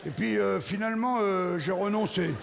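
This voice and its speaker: A man's voice: high-pitched, moderate pace, gravelly, background noise. A middle-aged man performing a crude, teasing stand-up routine on a theatre stage, egging on his audience. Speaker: stand-up comedian. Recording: live hall recording, loud crowd.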